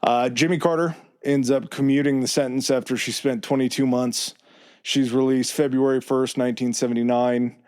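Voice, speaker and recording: A man hosting a podcast, telling a story in a relaxed, chatty way with fillers and asides. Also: mid-range voice, moderate pace. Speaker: podcast host. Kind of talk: casual chat.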